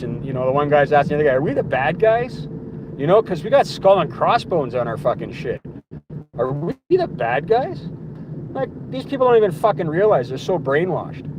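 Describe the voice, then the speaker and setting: A man ranting sarcastically and swearing constantly, recorded outdoors with traffic behind. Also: fairly high pitch. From Canada. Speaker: vlogger. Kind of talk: profane political rant.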